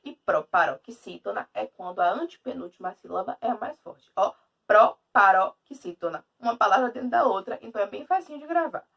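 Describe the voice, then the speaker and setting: A woman teacher with a Brazilian Portuguese accent giving a video lesson in an emphatic, lively way. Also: medium pitch, fast talker, vocal fry, hardly any pauses, slightly rough, far from the mic, dull audio.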